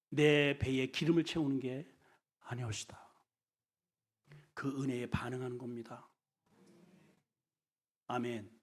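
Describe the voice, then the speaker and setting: A male senior pastor preaching a sermon in a folksy, colloquial way, swinging between hushed and loud, emphatic lines. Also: on the high side. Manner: folksy, colloquial storytelling with humor.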